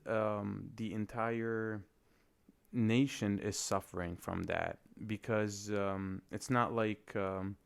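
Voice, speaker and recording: A man's voice: lowish voice, gravelly, clean tone. A young man from Lebanon hosting a solo podcast, talking in a reflective, hesitant way with many fillers. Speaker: podcast host.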